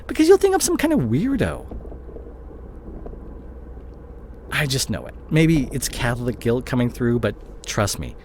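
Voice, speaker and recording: In a dramatic audio roleplay, a man plays a guilt-ridden, disgraced CEO boyfriend addressing his partner, the listener, with car ambience clearly behind him. Flustered and defensive at medium pitch, he speaks haltingly and emotionally, repeating himself and breaking off words.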